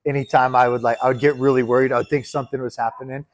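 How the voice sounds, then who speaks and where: A man's voice: medium pitch, very fast. Casual rambling podcast man. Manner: rambling, swearing, excitable when retelling. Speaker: podcast co-host. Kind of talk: casual chat. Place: resort retreat room.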